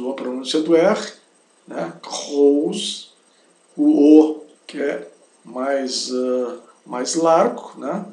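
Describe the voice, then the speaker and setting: A man's voice: a little high, darkish tone. A man teaching a language lesson, saying each word several times and checking in with little tag questions. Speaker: German teacher. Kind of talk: slow spoken language lesson. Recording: roomy echo.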